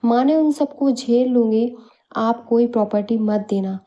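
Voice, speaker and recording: A woman's voice: a little high, unhurried, dark tone, muffled recording, lightly acted. A woman playing a troubled young daughter. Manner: hesitant, denying then pouring out. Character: unhappy young married daughter, hesitant.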